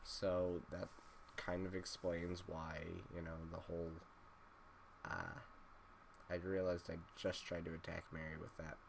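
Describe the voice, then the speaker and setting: A drowsy man with a deep, low voice talks through a game in an unhurried, slow drawl. His commentary is wry and casual, full of mumbled asides, and he sounds sleepy, as if he has just woken up. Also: level tone, gravelly, a little hiss or hum. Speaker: gaming YouTuber.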